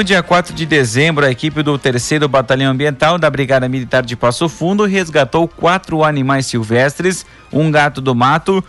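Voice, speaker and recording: Man reading news, slightly high-pitched. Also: fairly bright tone. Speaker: radio news presenter. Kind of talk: scripted local news reading.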